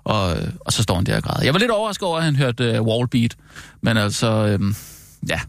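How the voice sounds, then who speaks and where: A man with a gravelly, creaky voice who stumbles over his words, repeating himself as he hesitates. He is a co-host on a satirical radio comedy show, heard dry and close on a studio mic. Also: medium pitch, sing-song, no echo.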